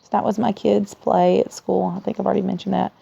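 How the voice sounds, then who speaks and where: Tired, weak woman with very creaky voice. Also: mid-range voice, little pitch movement, quick pace, mellow. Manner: rambling, candid, conversational. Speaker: vlogger sharing surgery recovery. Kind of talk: casual personal video diary. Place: at home in a recliner. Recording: dull, lo-fi sound.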